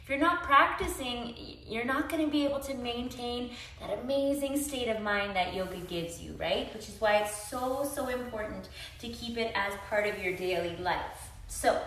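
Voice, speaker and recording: A woman's voice: a little high, moderate pace, few pauses, fairly bright tone, slight background noise. A woman yoga instructor giving tips in a casual, upbeat, chatty vlog, encouraging her viewers. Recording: echoey room.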